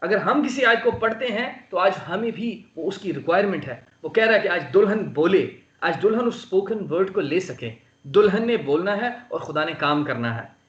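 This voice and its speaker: A man's voice: high voice, animated, normal speed, hardly any pauses. A man from Pakistan preaching an earnest, emphatic sermon over an online call. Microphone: online call microphone. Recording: roomy, dull lo-fi online call audio.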